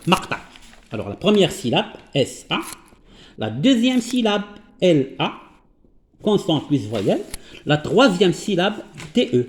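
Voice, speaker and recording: A man's voice: high voice, big pitch swings, measured pace. A man with a Moroccan accent teaching a phonics lesson, patiently repeating key terms and translating them. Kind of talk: French phonics lesson with Arabic glosses.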